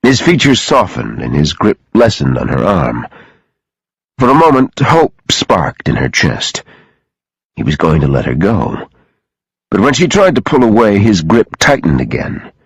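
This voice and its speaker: A man narrating an audiobook in an expressive, dramatic reading style on a close studio mic. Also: low-pitched, a little slow, gravelly, breathy edge, no room sound, low-quality recording.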